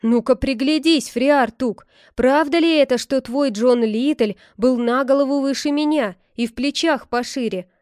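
A woman's voice: high-pitched, unhurried, few pauses, a little mellow, no echo, clean studio sound. Bold tall outlaw archer, voiced by a woman: cocky, teasing, storybook reading.

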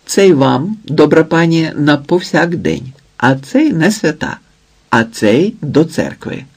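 A man voicing a cheerful, talkative son-in-law who jokes and flatters loudly, in a storybook reading. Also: fairly high pitch, takes it slowly, gravelly, breathy edge, exaggerated voice. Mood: jovial. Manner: lively, jovial, loud.

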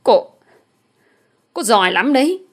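A woman's voice: medium pitch, moderate pace, lightly acted. A woman voicing a crude, taunting male ex-lover in an audio story, in a mocking, lewd manner. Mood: spiteful.

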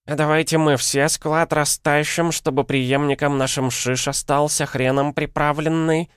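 A man's voice: on the high side, level tone, a little slow, clean tone, no echo, clean studio sound, pitched above the performer's own voice, natural voice. A man voicing a gossipy old village woman who mocks her friend sarcastically. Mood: mocking. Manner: sarcastic, needling.

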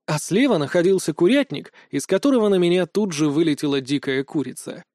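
A man reading a first-person audiobook in a calm, even storytelling manner. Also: fairly high pitch, a little fast, no echo, studio quality. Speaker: audiobook narrator.

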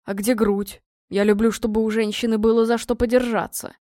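A woman voicing a crude, grubby male vagabond suitor in a low, whining, boorish voice. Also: little pitch movement, a little fast, warm tone, no room sound, studio quality, natural voice. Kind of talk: audiobook reading.

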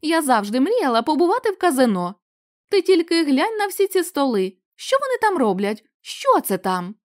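A woman reading the part of an eager young woman who talks in a bright, excited, coaxing way. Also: high voice, moderate pace, pitched above the performer's own voice.

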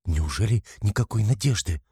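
A man's voice: lowish voice, lively intonation, normal speed, warm tone, slightly rough, no echo, clean studio sound. A man reading aloud, voicing an anxious, earnest young man who asks tense, urgent questions.

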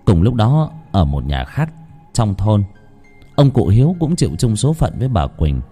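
A man narrating a horror story in an expressive, dramatic reading. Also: lowish voice, normal speed, slightly rough, soft background music.

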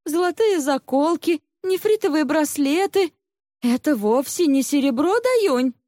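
A terrified young palace maidservant begs for her life, tearful and pleading, her voice lifted high and strained. A woman reading the story does this voice. The delivery is close and dry, with no room around it. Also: lively intonation, a little slow, dark tone, no room sound. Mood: frightened pleading.

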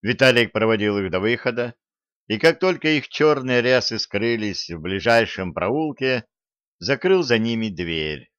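A man narrating a storybook in a measured, even way. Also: mid-range voice, no room sound, dull audio. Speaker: audiobook narrator.

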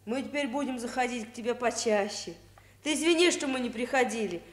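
A fairly high schoolchild's voice, acted by a woman, heard with roomy echo. The child is polite and apologetic, in children's radio play style. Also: a little fast, close to an everyday voice. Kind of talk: children's radio drama acting. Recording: roomy, echoing sound.

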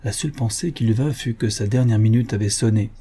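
A man reading an adventure novel aloud in a steady, measured narration. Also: lowish voice, breathy edge. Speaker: audiobook narrator. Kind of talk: scripted narration.

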